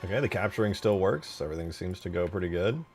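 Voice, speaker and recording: A low-voiced man, a live streamer and game modder, talks fast and casually over soft background music while demonstrating his mod work. He's informal and slangy, swears, and gets excited easily.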